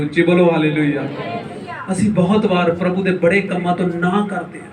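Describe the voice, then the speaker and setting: A male pastor preaching a sermon, calling out for the congregation to answer with hallelujah and firing questions at them. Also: on the high side. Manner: call-and-response, keeps urging the congregation to say hallelujah louder; preaches with questions to the crowd and acted-out examples. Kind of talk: Pentecostal sermon. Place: large church hall. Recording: echoey church hall, mic at a distance.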